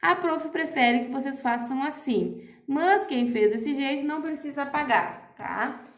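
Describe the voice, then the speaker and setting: Brazilian lady teacher going over homework real slow n patient, highish voice, echoey room. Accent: Brazilian Portuguese. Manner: patient, explains slowly with many "ó" and "tá?". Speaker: primary school teacher. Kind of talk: recorded remote class lesson.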